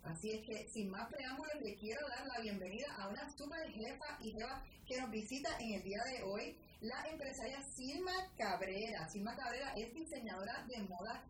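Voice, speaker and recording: A woman's voice: fairly high pitch, expressive, moderate pace, hardly any pauses. A woman hosting a business podcast, talking energetically with many fillers and restarts. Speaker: podcast host. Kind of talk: podcast interview. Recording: roomy, distant mic with clear noise.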